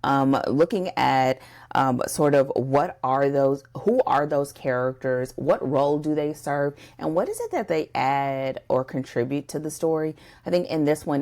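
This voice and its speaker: Podcast co-host, woman, low voice with gravel, emphatic and direct with listeners. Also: darkish tone. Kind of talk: casual conversational podcast.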